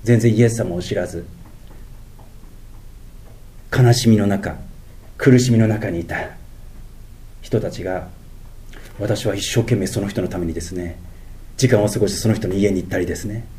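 A middle-aged man with a Tohoku accent preaching a sermon as pastor. He moves between drawn-out, lofty passages and quick, mumbled asides. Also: lowish voice, mellow. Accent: Tohoku Japanese.

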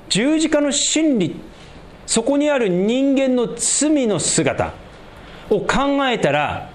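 A man preaching a sermon and leading a prayer, stressing key words by stretching them out slowly and dropping low and quiet at the ends of phrases. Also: slight background noise. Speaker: pastor.

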